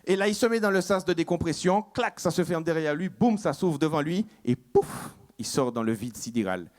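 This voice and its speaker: A man doing stand-up storytelling, with a lively, teasing delivery full of sound effects. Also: on the high side, normal speed. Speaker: stand-up comedian.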